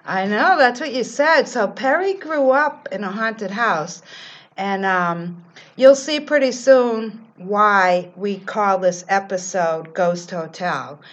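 A woman's voice: medium pitch, slow, dull audio. A woman hosting a podcast, chatting casually as she interviews a guest in a basement room. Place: library basement.

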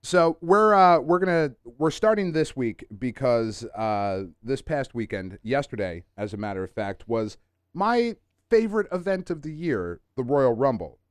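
A man's voice: medium pitch, big pitch swings, unhurried, clear, resonant tone, dry recording, studio quality. A man hosting a podcast in casual chat, talking like an enthusiastic fan who swears freely. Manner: profane, enthusiastic fan talk. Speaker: podcast host.

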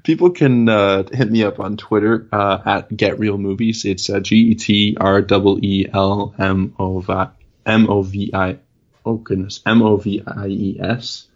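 A man's voice: lowish voice, steady tone, unhurried, highs cut off. A Canadian man with a Canadian accent, a film critic guesting on a podcast, joking and hesitant with many ums. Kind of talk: casual chat.

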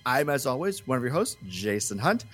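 A man's voice: medium pitch, sing-song, fairly quick, a bit bright, faint music behind. A man hosting a fan podcast in a casual style. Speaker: podcast host.

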